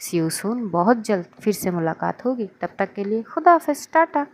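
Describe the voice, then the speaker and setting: A woman's voice: medium pitch, very animated, moderate pace. A woman narrating a serialized love story in a casual, conversational way. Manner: conversational, warm sign-off wishes.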